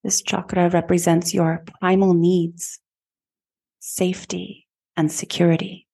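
A woman podcast host and yoga teacher leading a guided meditation in a slow, soothing, calm way. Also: fairly low pitch, creaky, husky.

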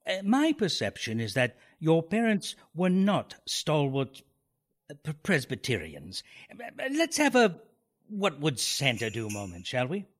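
A man's voice: a little high, wildly swooping pitch, measured pace, full character voice. An actor playing a pompous, evasive male doctor in a comic radio drama, with hesitant clinical phrasing. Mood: probing, pompous. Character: self-styled clinic doctor, pompous, smooth-talking and evasive man.

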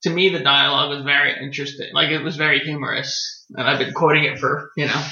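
A man with a very bright, sharp-edged voice argues about a movie with his co-host, his remarks dry and teasing. His voice sits a little above average in pitch. The recording is roomy and somewhat dull. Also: steady tone, fast, creaky. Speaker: podcast co-host. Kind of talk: casual film discussion.

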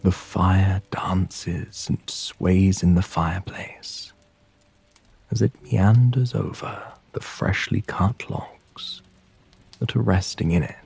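A man narrating a sleep story in a hushed, soothing, breathy voice that often slips into a whisper, guiding the listener to relax. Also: low voice, fairly even intonation, slow, soft background music. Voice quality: breathy, husky.

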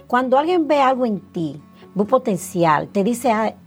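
A middle-aged woman with a Dominican Spanish accent talks through her story in a relaxed interview. She is animated and acts out old conversations, with plenty of fillers. Faint music runs underneath her voice. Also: fairly high pitch, normal speed, breathy edge. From Dominican Republic. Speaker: interview guest, insurance agency owner.

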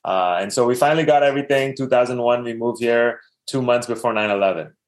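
A man's voice: mid-range voice, fast talker. A man in his thirties from Dubai, a podcast guest telling his life story casually, with many fillers and restarts.

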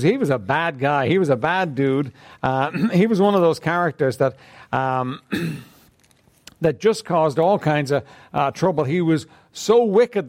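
A man preaching a conversational Bible-teaching sermon, clearing his throat often. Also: on the high side, darkish tone.

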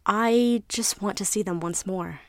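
A woman's voice: mid-range voice, moderate pace, no room sound, studio quality, lightly acted. A woman voicing an anxious, fragile tuna who talks in a pleading, slightly raised way. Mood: resigned.

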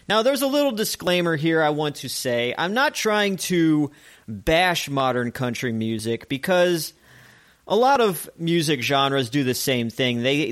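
A man hosting a comedic radio-style show, chatty and animated as he jokes through his segments. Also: fairly high pitch.

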